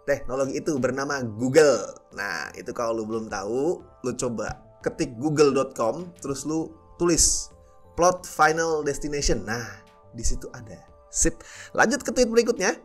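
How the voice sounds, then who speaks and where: A young man with a Jakarta slang accent, hosting casual reaction commentary for a film channel. He is sarcastic and lively, and his voice sits at a middling pitch. Faint music plays under him. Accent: Jakarta slang Indonesian. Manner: sarcastic, lively, animated with frequent laughs.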